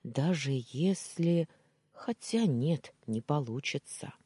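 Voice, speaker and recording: A woman reading the part of a timid female servant who speaks softly, politely and hesitantly. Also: deep voice, sing-song, slow pace, slightly rough, dry recording, heavily acted. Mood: cautious, gentle.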